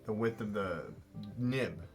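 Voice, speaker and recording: A man's voice: fairly low pitch, takes it slowly, vocal fry, breathy edge, faint music behind. A man co-hosting a casual drawing tutorial, talking in a rambling, playful way and often correcting himself. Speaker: art show co-host.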